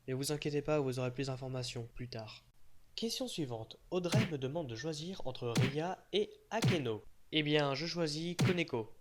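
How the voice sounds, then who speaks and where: Young male host reading fan questions aloud, slightly higher voice, cheeky deadpan jokes. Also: moderate pace, a little hiss or hum. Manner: joking, teasing, with mock-serious asides. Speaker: page admin answering fan questions. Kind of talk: casual FAQ voice-over. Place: unseen voice-over.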